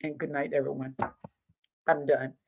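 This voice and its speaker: A woman's voice: sits low, little pitch movement, moderate pace, creaky, darkish tone, lo-fi sound, slight background noise. Woman, 50s, livestream host; emphatic, repetitive, casual delivery. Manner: emphatic, repeats phrases for effect. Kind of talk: casual livestream talk and commentary.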